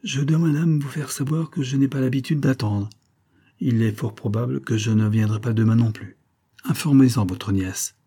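Un homme qui joue un jeune lieutenant fier et susceptible, au parler formel et raide, dans une nouvelle lue à voix haute. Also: male voice, mid-range voice, normal speed, mellow, slightly rough. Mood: stiff. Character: young army lieutenant, proud and touchy.

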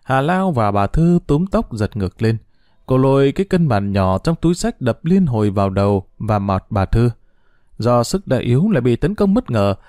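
Here a man tells a story in an animated, expressive way, his pitch ranging broadly. The sound is dry, captured close to the microphone.

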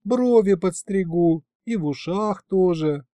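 A man's voice: high voice, measured pace, warm tone, dry recording, pitched above the performer's own voice. A man voicing a young woman who coaxes sweetly, in an audiobook reading. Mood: coaxing. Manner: coaxing.

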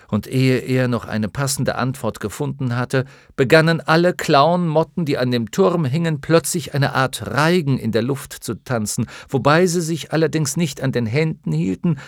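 A man narrating an audiobook in a lively, playful storytelling manner. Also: medium pitch, no room sound, clean studio sound.

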